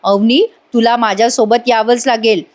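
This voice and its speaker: A woman's voice: fairly high pitch, steady tone, moderate pace, lightly acted. A woman voicing an obsessive, menacing young man holding people at gunpoint, barking threats and orders.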